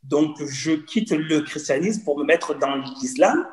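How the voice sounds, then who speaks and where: Taking it slowly, a fortysomething man from Cameroon shares his personal testimony as a guest in conversation. His fairly high voice has lively intonation, and his storytelling is earnest and repetitive. The recording sounds roomy and echoey.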